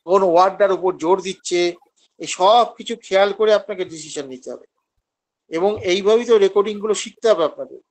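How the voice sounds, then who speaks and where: Male teacher, high pitch, online class, explanatory and demonstrative. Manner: explanatory, acts out patients' lines. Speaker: homeopathy teacher.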